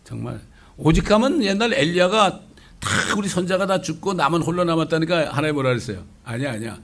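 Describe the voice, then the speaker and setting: A middle-aged man preaching a conversational sermon as a pastor, lively and full of rhetorical questions. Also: fairly high pitch, fast. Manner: lively, asks rhetorical questions, acts out quotes.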